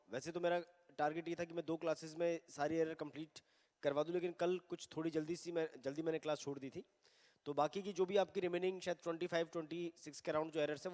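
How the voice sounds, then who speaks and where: High-voiced man teaching grammar. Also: a little mellow, long reverb tail. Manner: mixes Hindi and English, reads examples slowly. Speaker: English teacher. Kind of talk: recorded online grammar lesson.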